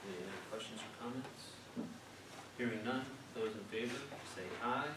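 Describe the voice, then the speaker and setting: Recorded from afar in a noisy, echoing meeting room, a man with a lowish voice runs a board meeting at normal speed. His speech consists of formal, formulaic procedural wording.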